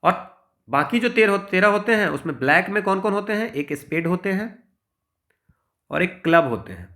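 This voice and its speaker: A man with an Indian accent tutors maths informally, working through exam-prep problems step by step and often checking in with the listener. His voice sits high and sounds pushed and bright, with big pitch swings at a moderate pace. His manner is explanatory, dotted with frequent check-in tags.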